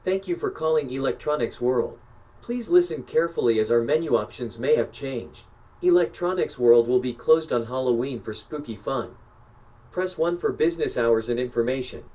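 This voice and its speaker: A male voice reading a recorded automated phone menu message, listing numbered options in an even, measured announcer delivery. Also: medium pitch. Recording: dull, distant playback of a phone menu.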